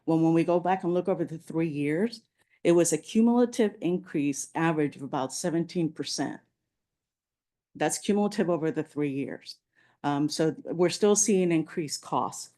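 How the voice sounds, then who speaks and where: A transportation agency presenter walks a public meeting through her slides at a moderate, steady pace. Her fairly low voice is warm, mellow, and relaxed, and she uses many "um"s and small restarts along the way.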